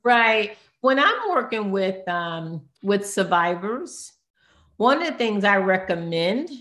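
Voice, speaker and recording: A woman's voice: medium pitch, big pitch swings, slow, a bit bright. Earnest woman therapist in echoey room. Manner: earnest, searching for words, self-correcting. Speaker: therapist guest. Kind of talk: conversational expert talk. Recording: roomy echo.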